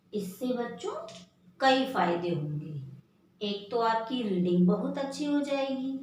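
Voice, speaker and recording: Slow, patient woman teacher in an echoey room. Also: medium pitch. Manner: patient, repeats and sounds out letters syllable by syllable. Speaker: primary school teacher. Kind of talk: slow, drawn-out classroom lesson for young children. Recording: echoey room, voice from far off the mic, faint room noise.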